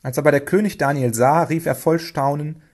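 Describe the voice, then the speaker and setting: A man reading a children's storybook aloud, lively and expressive. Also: fairly high pitch, fairly quick. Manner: expressive, lively, acts out dialogue.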